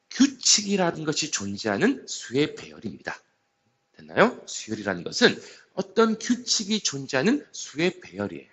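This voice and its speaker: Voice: medium pitch, fairly bright tone, lo-fi sound. A cram-school math teacher giving a recorded lecture. The teacher explains step by step, keeps starting phrases with "so", and asks questions aloud and then answers them.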